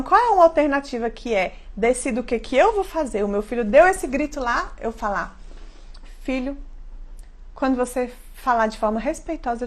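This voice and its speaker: A Brazilian woman, a mother and parenting educator, talking earnestly and emphatically to viewers on a live stream and often checking in with a quick question. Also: on the high side. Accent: Brazilian Portuguese.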